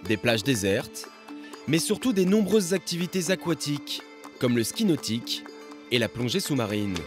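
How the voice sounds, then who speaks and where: A man narrating a television documentary report in a measured, scripted voice-over. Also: mid-range voice, big pitch swings. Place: studio voice-over. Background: music.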